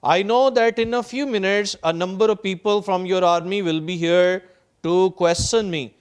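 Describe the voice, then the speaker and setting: A male English teacher, reading play dialogue slowly and paraphrasing it in Urdu, then listing synonyms methodically. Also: high-pitched, smooth. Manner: lists synonyms in a steady, methodical drone. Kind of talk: recorded lecture explaining a play line by line.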